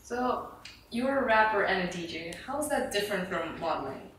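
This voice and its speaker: A young woman co-hosts a casual talk show with keen enthusiasm. Her mid-pitched voice sounds distant in an echoey room, with faint music underneath. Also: expressive, normal speed. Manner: bright, enthusiastic. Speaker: co-host.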